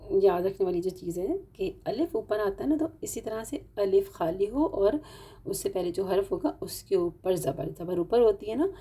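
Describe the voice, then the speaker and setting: A woman's voice: medium pitch, warm tone, breathy edge. A woman teaching a Quran recitation lesson, explaining patiently step by step and stretching out example words. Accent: Urdu-speaking, Pakistani. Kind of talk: online tajweed lesson.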